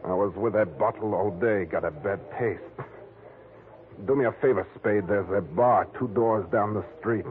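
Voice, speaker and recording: An actor playing a surly, guarded racketeer who talks in curt, clipped phrases in a 1940s radio drama. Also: male voice, fairly low pitch, normal speed, lightly acted. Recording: muffled, hissy vintage radio recording.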